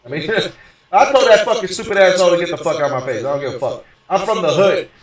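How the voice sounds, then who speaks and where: A man's voice: high-pitched, lively intonation, fast talker. A man streaming a game, ranting in a rambling, profane way, stumbling over restarts and repeating "you know what I mean". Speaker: gaming streamer. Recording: echoey room, voice far from mic.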